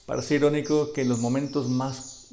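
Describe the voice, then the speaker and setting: A man preaching a sermon, asking his listeners rhetorical questions and dropping to a hush when he quotes scripture. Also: mid-range voice, flat delivery, normal speed.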